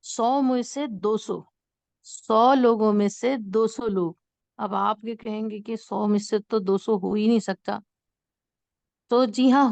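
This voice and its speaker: A woman teaching an Arabic lesson as an online class, explaining slowly and repeating words for emphasis. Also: a little high, gravelly, darkish tone, dry recording.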